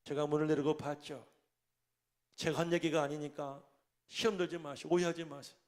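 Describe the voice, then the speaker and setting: A middle-aged man preaches as senior pastor, his voice sitting fairly high. He tells personal stories in an animated way. The delivery is a spoken sermon aimed at a congregation. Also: a little fast. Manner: animated storytelling, acting out angry quotes. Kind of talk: storytelling sermon.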